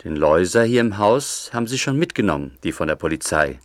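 An actor playing a gruff, blunt, suspicious man in an audio drama. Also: deep voice, big pitch swings, a little fast, dry recording. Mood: agitated. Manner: blunt, agitated, rough-spoken.

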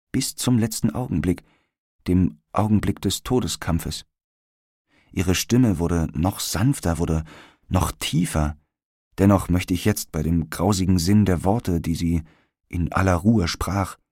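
A man narrating a gothic tale in a solemn, measured way with dramatic pauses. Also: low-pitched, mellow, husky, no room sound, studio quality.

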